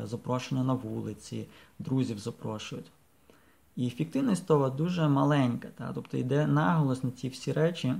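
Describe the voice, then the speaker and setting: Priest, male, podcast talk: gravelly, mid-pitched, halting and thoughtful, lots of filler words. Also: a little mellow. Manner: hesitant, many fillers and restarts; reflective, explaining by examples.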